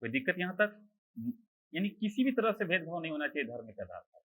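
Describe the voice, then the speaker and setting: A male lecturer running an online exam-prep class in a bright, tense, slightly high voice. He throws questions at his students, answers them himself, and keeps checking that they are following. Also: big pitch swings, fast, rough recording. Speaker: teacher.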